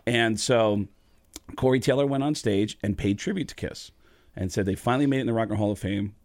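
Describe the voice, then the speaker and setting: A man, a comedian, casually telling a story, animated and quick to act out the other voices. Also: on the low side, no room sound.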